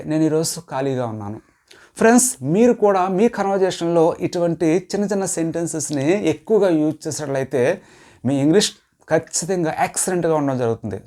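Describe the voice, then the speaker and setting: A man teaching spoken English, saying each short phrase slowly and clearly, then explaining it in a quicker flow. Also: fairly high pitch, dark tone.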